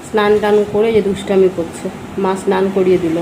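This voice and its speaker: A chatty young woman narrates her day to her viewers in a homely, direct way at a middle pitch. She records on a phone in her kitchen. The room is echoey, and household noise is clearly audible behind her. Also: steady tone, fairly quick. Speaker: home vlogger, young mother. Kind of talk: casual vlog narration. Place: at home, kitchen.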